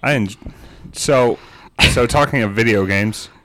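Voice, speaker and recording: A man's voice: mid-range voice, a little slow, noisy background. A man co-hosting a podcast in a home garage, chatting casually in a laid-back, matter-of-fact way. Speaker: podcast co-host. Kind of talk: casual chat.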